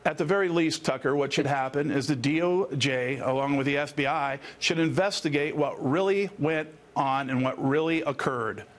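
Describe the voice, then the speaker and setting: Here the same attorney and former air traffic controller is heard again as an interview guest on the news, laying out earnest, detailed explanations in formal legal language. His pitch runs on the high side, and he keeps a moderate pace with few pauses.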